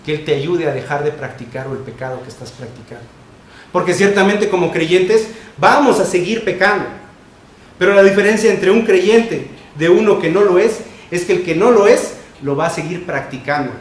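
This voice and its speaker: A man preaching a sermon as pastor, emphatic and repetitive, with quick shifts between loud and soft. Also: sits high. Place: church sanctuary. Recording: echoey church room with faint noise.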